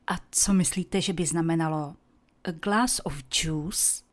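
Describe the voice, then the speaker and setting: A woman giving a scripted English lesson to Czech speakers, slowly and carefully demonstrating the pronunciation of each word. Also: low voice. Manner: Czech-speaking teacher pronouncing English words. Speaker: English teacher.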